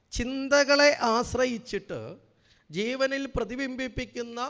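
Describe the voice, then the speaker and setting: Man, spiritual talk, high gravelly voice, questions the audience, long hall reverb. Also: a bit bright. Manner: asks the audience questions, slows down to stress key words. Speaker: spiritual speaker. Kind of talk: spiritual discourse to a gathering.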